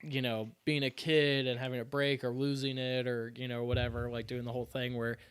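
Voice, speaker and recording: A man co-hosting a podcast, talking in a relaxed, chatty way with lots of fillers. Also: mid-range voice, brisk, clear, resonant tone, no room sound. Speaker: podcast co-host. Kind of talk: casual chat.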